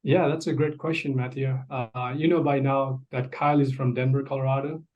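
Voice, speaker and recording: A man's voice: mid-range voice, flat delivery, fairly quick. A man from Nepal, president of an engineering firm, giving earnest, formally phrased answers on a video call. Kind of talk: prepared interview answers. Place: home office, indoors. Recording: dull lo-fi call audio.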